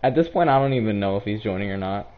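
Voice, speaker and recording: A man chatting and shouting with friends during an online game, laughing often and getting exasperated. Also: on the low side, lively intonation, fast talker. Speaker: gaming channel host. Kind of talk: casual gaming chat with friends. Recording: dull lo-fi voice chat.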